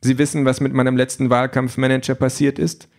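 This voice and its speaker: A man voicing a calm, precise male android politician who explains everything in a measured, matter-of-fact way, in an audiobook. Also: medium pitch, close to an everyday voice. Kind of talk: audiobook reading.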